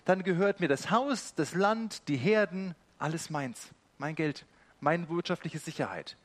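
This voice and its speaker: A possessive young heir pleads to inherit his father's house, land and herds, as a man puts on his voice. He speaks a little higher and pushes each point with a grasping eagerness. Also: expressive, measured pace. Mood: pleading.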